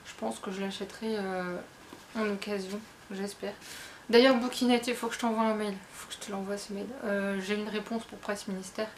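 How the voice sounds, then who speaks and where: A woman's voice: mid-range voice, fairly even intonation, brisk, a little hiss or hum. Chatty woman book vlogger, self-mocking. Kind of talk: casual chat.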